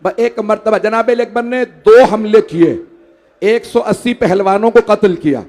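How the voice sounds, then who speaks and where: A man's voice: sits high, a little slow, darkish tone. A male cleric delivering a mourning sermon, pleading with the crowd and rising to wailing cries.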